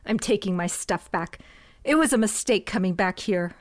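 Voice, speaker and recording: Playing a stern, exasperated cousin who runs a failing shop, an American woman performs this audio drama role in a mid-range voice at a moderate pace. The character is clearly stressed.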